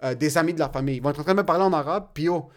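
Brief: young male podcast host, quick and blunt, slips in English words. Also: fairly high pitch. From Quebec, of Lebanese parents. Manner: fast and candid, swears freely, mixes in English words. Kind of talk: casual podcast chat.

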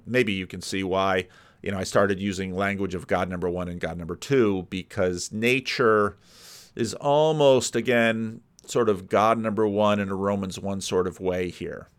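Man, low voice, casual commentary, musing, hedging. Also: clean tone. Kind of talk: casual commentary on a played sermon.

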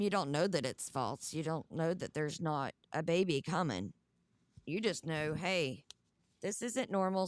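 A woman's voice: fairly low pitch, dry recording. A woman with a Southern US accent hosting a casual Bible study livestream, talking in a chatty way with fillers. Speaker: host.

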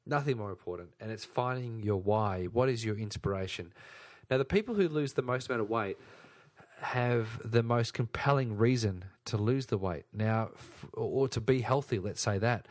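Emphatic lower-voiced man. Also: moderate pace. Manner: emphatic, repeats key points. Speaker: podcast co-host. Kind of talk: casual health podcast chat.

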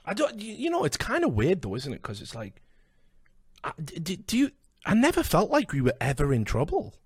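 A man in his thirties chatting casually and telling anecdotes in a sweary, blokey, animated way. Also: on the high side, a little fast, breathy edge, no echo, studio quality. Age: 30s. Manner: sweary, blokey, animated storytelling with acted-out quotes. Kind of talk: casual chat, telling bar-fight anecdotes.

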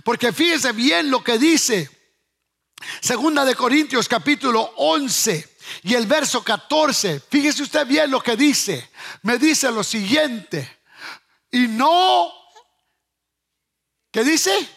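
A man preaching a sermon, emphatic, repeating his points and asking the listeners if they hear him, sometimes shouting and half-singing phrases. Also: very high-pitched, lively intonation, slow pace, vocal fry, husky.

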